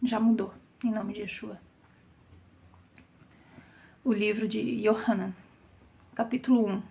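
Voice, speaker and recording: Mellow-voiced woman teaching scripture. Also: medium pitch, steady tone, gravelly. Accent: Brazilian Portuguese. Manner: reads scripture slowly, drops to soft whispers for emphasis. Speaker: Bible teacher. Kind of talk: Bible study reading and commentary.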